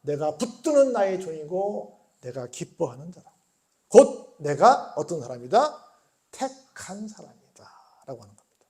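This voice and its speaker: A male pastor preaching a midweek church sermon, often asking the congregation questions and swinging between soft, low tones and raised exclamations. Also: sing-song, unhurried. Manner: asks the congregation frequent rhetorical questions.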